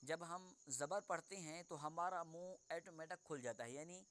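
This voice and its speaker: A man teaching Quran reading in an online lesson, patiently explaining and then slowly modelling each sound for the student to repeat. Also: on the high side, fairly bright tone, a little hiss or hum.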